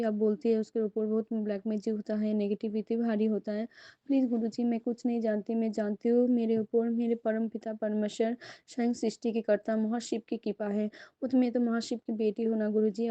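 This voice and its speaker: Earnest woman, devotional testimony, flat mellow voice, dry dull lo-fi sound. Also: fairly high pitch, dry recording. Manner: earnest, repeatedly addressing listeners and guru. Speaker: devotee sharing experiences.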